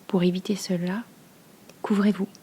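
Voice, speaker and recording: With little pitch movement in her mid-range voice, a yoga nidra teacher guides a meditation slowly, her soft, breathy delivery hushed and soothing and broken by long pauses.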